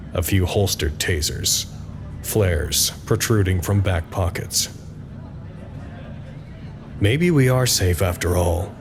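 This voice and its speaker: A male actor with a fairly low-pitched voice plays a gentle, reflective facility worker narrating a log in an audio drama. His delivery is measured, formal and introspective, with a pensive mood, over a noisy background.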